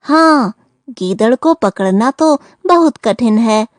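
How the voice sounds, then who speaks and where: A crafty tortoise friend, high-voiced and slow-spoken. He is part of a storybook audio play, recorded dry and close. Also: expressive, no room sound. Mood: friendly.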